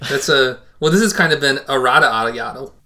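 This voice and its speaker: A man's voice: mid-range voice, quick pace, bright, forceful tone. A man co-hosting a music podcast in a wry, joking casual chat. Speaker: podcast co-host.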